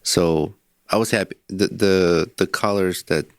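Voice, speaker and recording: A man's voice: low-pitched, fairly even intonation, a little slow, no room sound. A man co-hosting a casual podcast, telling a long story with profanity and frequent laughs. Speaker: podcast co-host.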